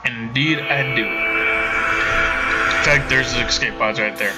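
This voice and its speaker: A man's voice: mid-range voice, slow pace, over loud music, low-quality recording. A man streaming a game from home, chatting casually with viewers and rambling with many self-corrections. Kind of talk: casual let's-play commentary.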